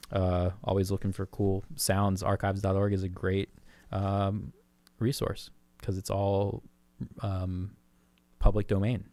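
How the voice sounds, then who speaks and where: Low, dry-voiced man hosting a live stream. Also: a little mellow, no room sound. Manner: rambling, self-interrupting, quick to laugh. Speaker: host. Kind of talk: casual live-stream chat.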